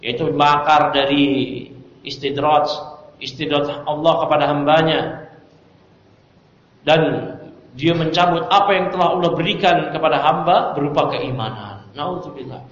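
A man's voice: a little high, unhurried, long pauses. A man teaching a religious study class, asking his listeners rhetorical questions and reciting Arabic phrases between his explanations. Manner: animated, asks the audience rhetorical questions. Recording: dull, echoey hall recording.

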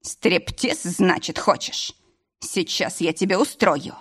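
A woman's voice: lowish voice, expressive, slow pace, a bit bright, husky, full character voice. A woman reading an audiobook voices an angry, domineering young husband who speaks in curt commands. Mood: commanding.

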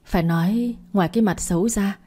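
A woman's voice: mid-range voice, brisk, mellow. A woman narrating a family story aloud, reading every character's quarrelsome lines herself. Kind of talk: storytelling narration with acted dialogue.

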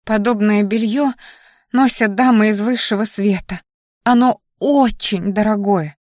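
A woman's voice: mid-range voice, measured pace, a little mellow, dry recording, close to an everyday voice. A woman voicing an anxious young female student roommate who stammers and gasps for breath, in a fantasy audiobook. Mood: earnest. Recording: dry close audiobook recording.

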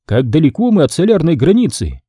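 Man doing a tense, pleading woman navigator; high, animated, urgent. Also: a little fast, breathy edge, dry recording, clean studio sound. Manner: urgent, strained, at times shouting. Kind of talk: audiobook character reading.

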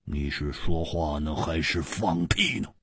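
A man voicing a brash, blunt male sidekick who mocks and exclaims loudly. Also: very deep voice, unhurried, breathy edge, no room sound, clean studio sound, voice pushed down, heavily acted.

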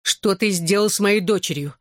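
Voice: normal speed, no echo, studio quality, close to an everyday voice. A reader voicing a frantic, overprotective mother who accuses a boy. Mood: furious. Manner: shrill and accusing. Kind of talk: audiobook dialogue.

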